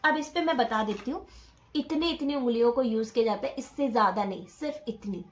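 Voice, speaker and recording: Speaking fairly quickly in a fairly high voice, a woman gives a dholak lesson one step at a time. The drum sounds through an echoey room while she plays and patiently counts each beat out loud.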